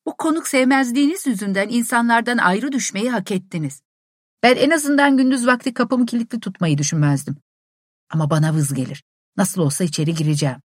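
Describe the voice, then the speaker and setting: A woman voicing a polite, fussy young gentleman tenant who speaks formally, a little indignant. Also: on the high side, fairly quick, no room sound, studio quality, voice pushed up, close to an everyday voice.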